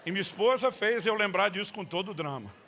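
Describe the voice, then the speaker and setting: A male pastor delivers a humorous sermon full of family anecdotes. His voice is high and bright. He tells stories in an animated way and breaks into loud shouts at the punchlines. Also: fast, slight background noise.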